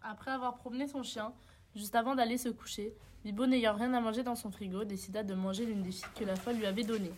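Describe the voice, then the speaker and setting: Femme qui raconte un conte avec expression. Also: female voice, a little high, quick pace. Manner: expressive, dramatic reading. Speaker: narrator. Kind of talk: storybook narration.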